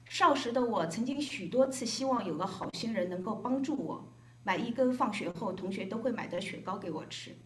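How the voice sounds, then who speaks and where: In an echoey hotel event room, a volunteer from Shanghai reads her reflective, prepared remarks to a gathering. She speaks at medium pitch, animated and a little fast, with slight background noise.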